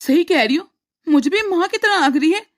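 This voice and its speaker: A woman voicing a caring, agreeable young husband in a cartoon story, speaking in a gentle, reassuring way. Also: extremely high pitch, expressive, moderate pace. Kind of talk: cartoon voice acting.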